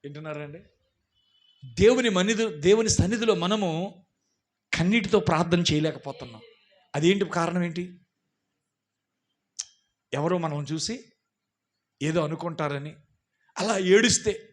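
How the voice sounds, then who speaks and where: A pastor with a Telugu accent preaching a sermon, swinging from loud emphatic repetition to low asides and direct questions to the congregation. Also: male voice.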